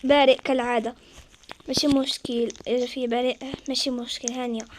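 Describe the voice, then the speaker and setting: A woman with a Moroccan accent narrates her gameplay in a chatty, rapid flow. Her voice sits high and she breaks into excited squeals when something surprises her. It is relaxed commentary from a gaming channel host. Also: a little hiss or hum. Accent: Moroccan Arabic.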